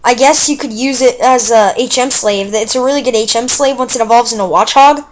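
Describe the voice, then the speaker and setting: A chatty woman talks through a let's play in a fairly high voice, explaining her choices as she goes. Her delivery is casual and excitable, full of fillers, and she reacts out loud to every twist in the game. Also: fairly quick. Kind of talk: casual gameplay commentary.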